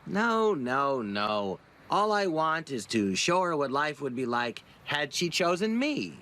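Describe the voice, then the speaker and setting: A smug, smarmy rich nerd. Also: male voice, fairly high pitch, sing-song, slow, bright, forceful tone, exaggerated voice. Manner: smug, smarmy, awkwardly suave. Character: smug rich nerdy ex-suitor, middle-aged man.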